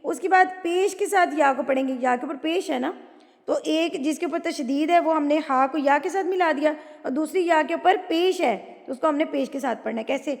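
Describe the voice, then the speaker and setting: A woman teaching a Quran recitation lesson, explaining rules patiently and chanting words in long drawn-out tones. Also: high-pitched, vocal fry. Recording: long hall reverb.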